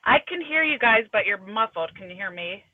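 A woman talks quickly and bluntly, her voice muffled and boxed in as if she were inside a box. It comes through a thin, tinny phone line with the low and high ends cut away. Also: animated, no room sound. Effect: muffled, boxy sound, as if talking inside a box. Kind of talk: casual podcast chat by phone.

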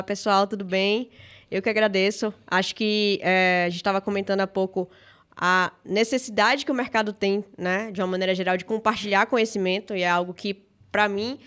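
A woman's voice: mid-range voice, fairly bright tone. A woman in her thirties with a Bahian Portuguese accent, speaking as a podcast guest. Her talk is casual and reflective, and she often ends sentences with a questioning aside. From Salvador, Bahia, Brazil. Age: 30s. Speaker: podcast guest, startup founder. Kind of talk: casual interview chat.

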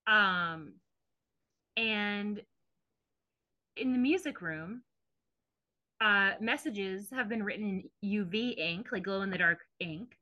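A woman's voice: mid-range voice, slow, long pauses, dry recording. A woman co-hosting a podcast, casually retelling scenes with lots of fillers. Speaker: podcast co-host. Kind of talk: casual recap chat. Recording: dull lo-fi podcast audio.

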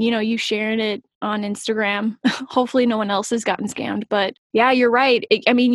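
A woman's voice: on the high side, dry recording, clean studio sound. A woman hosting a casual conversation, chatty and loose with lots of "you know" fillers. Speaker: host. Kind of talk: casual chat.

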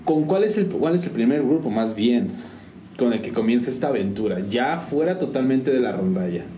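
Mexican man, interview host, warm dark voice, roomy sound, faint hiss. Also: medium pitch, lively intonation, moderate pace. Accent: Mexican Spanish. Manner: friendly, short backchannel replies. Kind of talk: casual interview.

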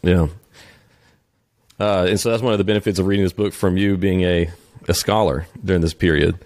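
Man, interview host, very deep voice, halting delivery, dry recording. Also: steady tone, darkish tone, dry recording. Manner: halting, many restarts and fillers. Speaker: podcast host. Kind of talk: interview, casual chat.

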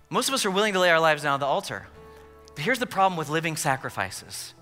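An American man preaching a sermon with emphatic, repeated phrases, dramatic pauses and a colloquial, humorous touch. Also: fairly high pitch, sing-song, bright, forceful tone. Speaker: pastor preaching. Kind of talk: animated sermon with acted-out asides. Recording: long hall reverb, music underneath.

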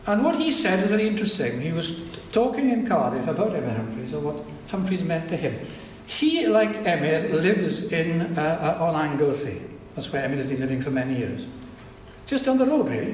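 Speaking at a society event in a lecture hall, an older man from Wales delivers a thoughtful public talk, frequently starting his sentences over. A native Welsh speaker with a Welsh accent, he has a fairly high, slightly mellow voice. The hall sounds echoey, and some hiss or hum is audible.

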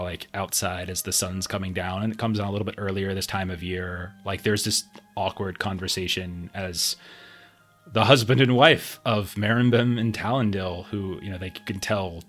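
Low-voiced man narrating a tabletop game. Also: a bit bright. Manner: conversational, improvising. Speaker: game master.

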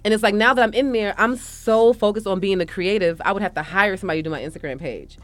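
A woman in her forties, raised in Brooklyn, speaks as a radio guest. She rattles along fast and emphatic, throwing in side remarks. Her voice sits at an ordinary pitch for a woman. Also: soft background music. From born in Panama, raised in Brooklyn. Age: 40s. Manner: fast, chatty, emphatic, full of asides. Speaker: guest, fashion designer and tailor. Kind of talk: casual radio interview. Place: radio studio.

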